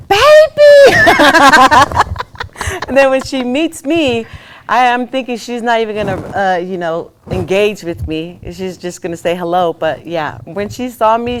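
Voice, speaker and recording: A woman co-hosting a podcast, telling a family story in a rambling, animated way with lots of fillers. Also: mid-range voice, clear, resonant tone. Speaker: podcast co-host. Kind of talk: casual storytelling chat.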